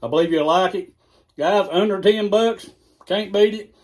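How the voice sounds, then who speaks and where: A man's voice: high-pitched, normal speed, darkish tone. A man hosting a casual cooking video in a home kitchen, folksy and chatty, talking straight to his viewers. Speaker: cooking channel host.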